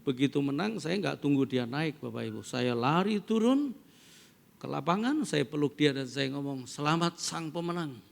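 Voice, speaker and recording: A middle-aged pastor from East Java, preaching a sermon that moves between storytelling and loud, emphatic preaching. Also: male voice, medium pitch, lively intonation, normal speed, gravelly, slight background noise. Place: large church hall. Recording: long church-hall reverb.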